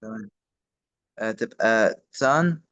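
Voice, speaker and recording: A man with an Egyptian Arabic accent, a student answering hesitantly and pausing with "aah" before each word. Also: fairly low pitch, a bit bright, no echo, highs cut off.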